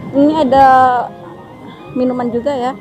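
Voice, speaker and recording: Chatty Indonesian woman vlogger, a touch high, recorded on a phone outdoors with loud music behind. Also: little pitch movement, moderate pace, rough recording. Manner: chatty, addresses viewers as friends. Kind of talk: casual walking tour vlog. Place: outdoors at a seaside mall.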